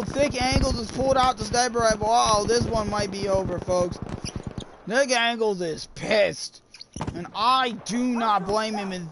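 An excitable commentator calls a live online shooter match, exclaiming at each big play. The delivery is slow and drawn out at a middling pitch. A headset mic picks up steady background noise and clicking. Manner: excitable, breaks into exclamations and laughter.

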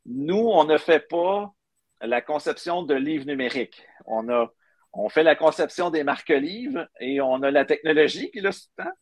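A middle-aged man with a Quebec French accent, who makes digital book bookmarks, speaks informally as a guest in a live video-call interview from an indoor room. His voice is fairly high with lively intonation at a moderate pace, captured on a webcam with no room sound.

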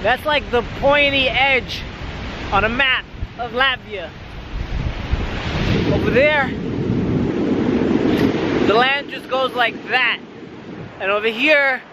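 Man, travel vlogger, casual, jokey, outdoors, noisy camera audio. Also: very high voice. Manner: jokey, laughing, playful.

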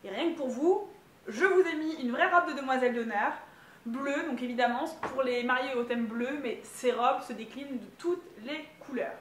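A woman's voice: high voice, normal speed, echoey room, background noise. A woman, a wedding planner giving upbeat advice straight to the viewer in a tutorial. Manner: upbeat, direct to camera.

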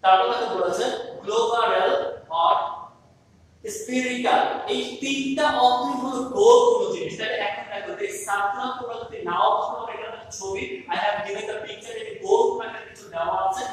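A man's voice: extremely high pitch, big pitch swings, brisk. Male teacher in an echoey hall. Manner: switches between English and Bengali, repeats each point. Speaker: English teacher. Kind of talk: online class lesson. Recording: echoey hall, distant mic, faint noise.

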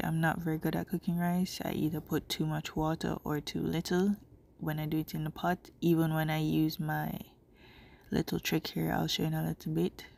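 A young Jamaican woman with a Jamaican accent chats and rambles while cooking in her home kitchen, narrating casually for her cooking vlog. Her voice is deep, a little mellow, with vocal fry, and she sounds a bit stuffy from a cold. A camera mic across the room records her.

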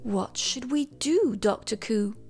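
A woman reading aloud, voicing a timid, gentle male pigeon who speaks soothingly. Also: fairly high pitch, expressive, takes it slowly, faint music behind.

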